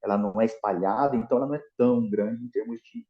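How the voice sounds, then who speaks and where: A man's voice: fairly low pitch, very fast, dull audio. A Brazilian man with a Brazilian Portuguese accent, a guest in a casual interview, explaining at length with many restarts and fillers.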